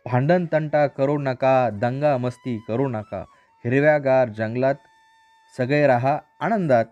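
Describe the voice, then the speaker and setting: A man voicing a gentle, welcoming mountain who speaks like a kindly elder in a storybook tale. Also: mid-range voice, unhurried, soft background music, natural voice. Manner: warm, welcoming. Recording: dry, slightly dull recording.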